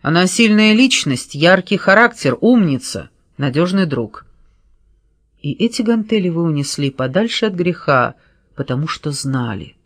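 A man reading a sharp-witted male private detective in an audiobook, pressing a suspect with sarcastic questions. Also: fairly high pitch, very animated, normal speed, no room sound, studio quality, heavily acted.

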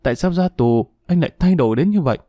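A man's voice: on the high side, animated, fast, dark tone, dry recording, studio quality, voice pushed up, close to an everyday voice. A man voicing a worried young wife who pleads earnestly with her husband. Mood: pleading.

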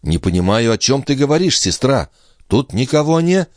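In a storybook reading, a man lightly acts as an earnest young nobleman reassuring his sister, pitching his voice above his natural medium register. He sounds very animated at a normal speed, and the studio recording is clean, with no room sound.

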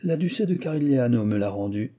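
A man voicing a timid, gentle young wife who answers softly and pleads, in a storybook reading. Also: medium pitch, animated, a little fast, natural voice. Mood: pleading. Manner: soft and pleading.

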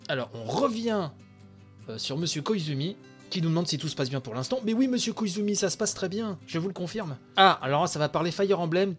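A man with a slightly high voice gives chatty live reaction commentary for his games channel, worn out from the late hour. He breaks into excited outbursts and fills gaps with hesitations. Faint music plays behind him. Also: fairly quick. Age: adult with young son. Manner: excitable, chatty, many fillers. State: very tired, late at night. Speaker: video game channel host.

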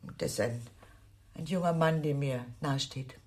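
An actress voices a scatterbrained, effusive older aunt in a German radio drama, halting, repeating herself and sighing dramatically. Her female voice is very deep and a little mellow, and the mood is remorseful yet eager.

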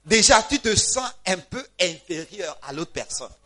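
A man preaching a sermon as pastor, calling out to his congregation and swinging between loud emphatic cries and quiet asides in a church. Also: high-pitched, very animated, unhurried. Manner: calls out to the congregation.

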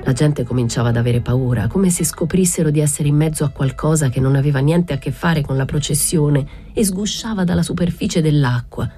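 A woman reading a literary novel aloud, narrating in the first person with a steady, measured delivery. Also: low voice, slightly rough.

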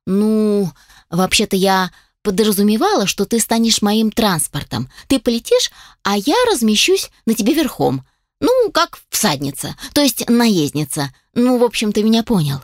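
A woman's voice: mid-range voice, big pitch swings, normal speed, no echo, clean studio sound, lightly acted. Woman playing a feisty sarcastic young heroine. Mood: flustered. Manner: raised pleading, snappy voice.

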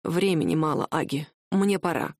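A woman reading an audiobook voices a restrained, tender male wizard husband, speaking low and calmly. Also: moderate pace, dry recording, studio quality, lightly acted. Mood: sorrowful. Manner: calm, low, quietly sorrowful.

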